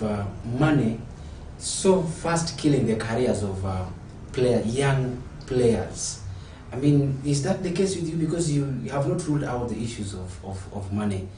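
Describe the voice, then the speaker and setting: A man's voice: lowish voice, dark tone, far from the mic, slight background noise. A male talk show host asking a football player questions, often repeating words as he goes. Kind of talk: studio interview. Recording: echoey room, off-mic, faint ambience.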